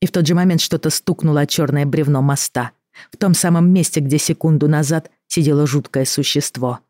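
A woman with a low, deep voice narrates a storybook in a measured, expressive way. The recording is dry and close, with no room sound. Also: dry recording. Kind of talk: audiobook narration.

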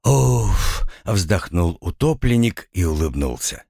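A man narrates an audiobook in a low voice that rises and falls with animated expression. He is recorded on a close studio mic with a completely dry sound and no room echo. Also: normal speed. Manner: expressive storytelling.

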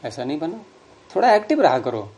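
Mellow-voiced man teaching grammar. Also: on the high side, big pitch swings, a little fast, breathy edge. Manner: explains patiently, quizzes students. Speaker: Sanskrit teacher. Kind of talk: classroom grammar lesson.

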